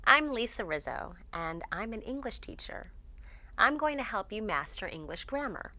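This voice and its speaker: A woman English teacher giving a scripted grammar lesson, speaking in a clear, measured way and exaggerating the intonation of her examples. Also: a little high, sing-song, pushed and bright, dry recording.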